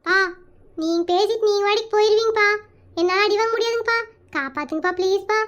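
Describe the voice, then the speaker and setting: A woman's voice: extremely high pitch, fast, fairly bright tone, muffled recording, voice pushed down. A woman voicing a cheeky, dramatic young boy in a cartoon comedy, speaking with a rural Tamil Nadu accent and a whiny, pleading manner. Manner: whiny, pleading, mock-threatening.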